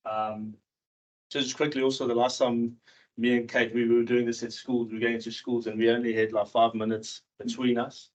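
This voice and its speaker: In a dull, muffled seminar recording, a man with a medium-pitched, darkish voice and flat delivery talks candidly and informally about himself, halting and repeating himself. Originally from South Africa, he moved to New Zealand in his early teens, and he is a cricket coach and ex-professional cricketer.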